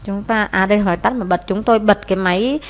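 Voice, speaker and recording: A woman teacher talks a class through test answers, mixing in English phrases as she reads them out. She pauses often with hesitant fillers and keeps a plain, everyday voice of middle pitch. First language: Vietnamese. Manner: explains in Vietnamese, reads English phrases aloud. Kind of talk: exam answer walkthrough.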